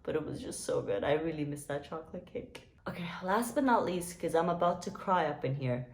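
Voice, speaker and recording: A woman's voice: low voice, expressive, a little fast. A young woman from Dubai chatting to camera in a casual vlog, gushing and nostalgic, full of "like" and "you guys". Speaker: vlogger.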